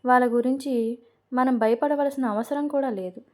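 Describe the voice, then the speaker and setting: A woman's voice: high-pitched, moderate pace, darkish tone, close to an everyday voice. A woman voicing a composed middle-aged mother who reassures her worried relatives in an audio novel. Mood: reassuring. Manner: reassuring, questioning.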